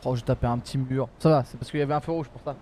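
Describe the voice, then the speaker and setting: A man's voice: medium pitch, very fast, a little hiss or hum. A man streaming live gameplay, exasperated and swearing, swinging from mutters to outbursts and laughing at himself. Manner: animated, jumps from mutters to outbursts. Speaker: streamer playing a bus simulator.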